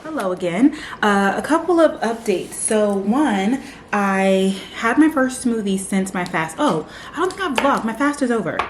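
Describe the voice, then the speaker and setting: A woman's voice: mid-range voice, lively intonation, unhurried, echoey room, a little hiss or hum. A young woman in her twenties chatting casually to camera for her vlog, leaning on lots of "like" fillers. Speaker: vlogger. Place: home.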